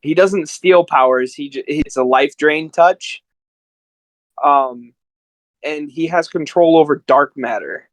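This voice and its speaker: On a dry recording, a podcast guest and amateur voice actor chats casually, slow and fairly high-pitched. He rambles through his stories enthusiastically.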